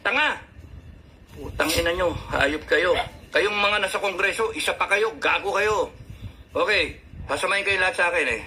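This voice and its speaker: Male commentator, high bright voice, fiery and profane rant. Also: moderate pace, a little hiss or hum. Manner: heated, swearing, mixing in English. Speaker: political commentator. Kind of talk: angry political rant.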